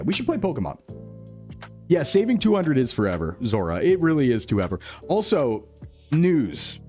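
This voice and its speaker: A man's voice: medium pitch, darkish tone. A male VTuber chatting casually with his stream viewers, playful and jokey, heard through livestream headset mic audio. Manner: playful, jokey, laughing often.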